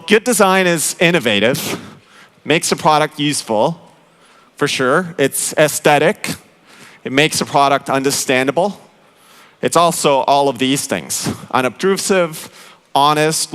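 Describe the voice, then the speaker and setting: A Finnish interaction design director, whose first language is Finnish, delivers a conference keynote in a smooth, mid-range, slightly bright voice. He explains his points while addressing the audience directly, halting often with fillers.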